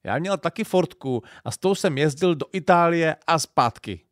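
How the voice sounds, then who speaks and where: A man's voice: fairly high pitch, animated, dry recording, studio quality, pitched above the performer's own voice, close to an everyday voice. A man with a Silesian accent voicing a stubborn, sulky young groom in an audiobook. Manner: sulky, blunt.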